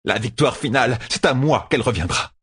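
A man voicing a hateful, scheming female sorceress who snarls insults in a raised, husky voice. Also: mid-range voice, lively intonation, a little fast, fairly bright tone, voice pushed up. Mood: gloating.

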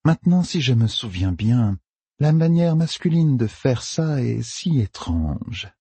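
A sadistic sorceress taunts her captive in a raspy, raised voice, as a male narrator puts her on. The audiobook read is dry and close, and her sneering delivery swings widely in pitch. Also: very animated, a little slow, mellow, no echo, full character voice. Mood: gloating. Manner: taunting, mocking and cold. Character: cruel sadistic female sorceress villain.

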